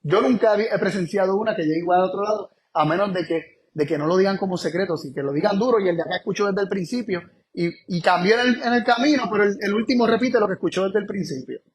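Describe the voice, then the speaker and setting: A man preaching a Bible study sermon in an emphatic way, repeating key phrases and moving between slow, stressed words and quick asides. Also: sits high, slight background noise.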